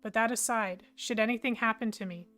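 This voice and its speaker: A grim, resourceful heroine, as a woman plays her in an audio role-play. She talks earnestly in a slightly high voice, with soft music underneath. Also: steady tone, fairly quick, natural voice. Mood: grave.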